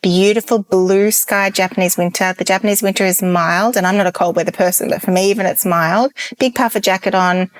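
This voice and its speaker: A woman's voice: medium pitch, steady tone, fairly quick, few pauses, no echo. A woman guest on a travel podcast, chatting casually and enthusiastically while giving practical tips.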